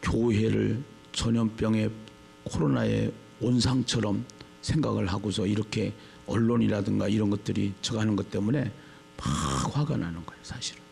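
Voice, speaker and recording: A male pastor preaching a sermon. He repeats phrases for emphasis and swings from low murmurs to shouted lines. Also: moderate pace, creaky, soft background music.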